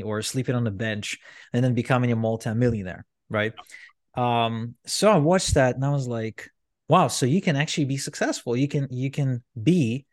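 On this podcast, a Ukrainian entrepreneur whose first language is Russian rambles through his story in a normal male pitch, stopping to restart and dropping plenty of "um"s. The audio is dry and intimate, free of any room sound.

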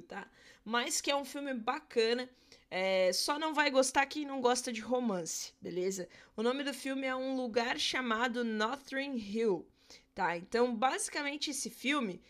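A woman's voice: on the high side, a bit bright. A Brazilian woman teaching English in a casual podcast lesson, chatty, often checking in with her listeners and spelling words out letter by letter. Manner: chatty, checks in with tag questions.

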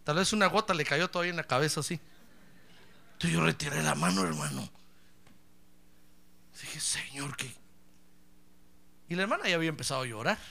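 Animated, bright-voiced male preacher. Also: on the high side, brisk, vocal fry, pauses often. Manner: animated storyteller, acts out both sides of dialogue, calls listeners "hermano". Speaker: pastor. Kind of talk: sermon with acted anecdote.

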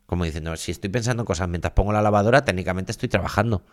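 A man in his thirties co-hosting a podcast, talking loudly in a casual, self-deprecating, animated way. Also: low-pitched, racing. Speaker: podcast co-host. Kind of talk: casual chat.

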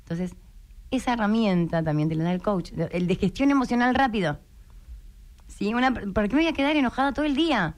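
Lively Rioplatense-accented woman coach. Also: medium pitch, brisk. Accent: Rioplatense Spanish. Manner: lively, acts out inner voices and quotes. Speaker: guest, writer and coach. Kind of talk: radio interview chat.

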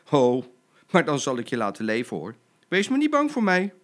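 A man's voice: mid-range voice, normal speed, very noisy, natural voice. An older man voicing an eager, kind-hearted young lion cub with a childlike voice in a storybook.

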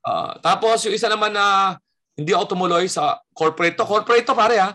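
A man's voice: high voice, brisk. A man from the Philippines, a stand-up comedian telling stories in casual chat and acting out the quotes in them. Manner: animated storyteller acting out quotes.

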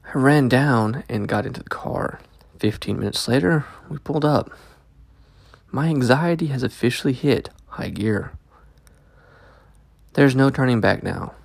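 A man narrating a scripted first-person story as a host, with a gravelly, creaky voice, close to the microphone. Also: medium pitch, lively intonation, measured pace, no echo. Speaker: host and story reader of a podcast.

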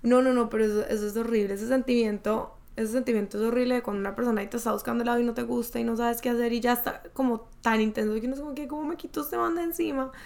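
Female co-host, casual chat, reassuring and sympathetic, higher pitch. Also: fairly even intonation, rapid-fire, few pauses, darkish tone.

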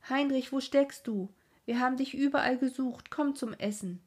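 A whispered role-play of a grieving old mother, as a woman reads her, pleading and lamenting in a husky breath. Her whisper is gravelly and low. She speaks slowly. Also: steady tone, warm tone, full character voice. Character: worried old mother of a madman.

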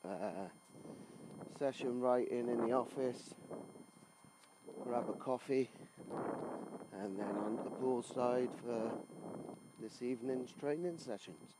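A man's voice: medium pitch, takes it slowly, long pauses. A middle-aged man, a swimming coach, talking informally as he records a podcast diary of his working day. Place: on the move: car, outdoors, poolside. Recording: background noise from travel and outdoors.

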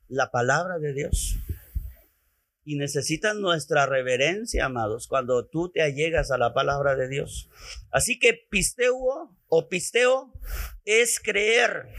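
Mexican male preacher, high bright voice, slow measured teaching delivery, repeats for emphasis. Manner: teaching, repeats phrases, calls listeners "beloved". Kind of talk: sermon.

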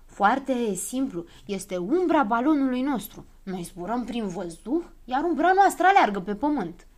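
A woman as a calm know-it-all gnome. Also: a little high. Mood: explaining. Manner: explaining, patient.

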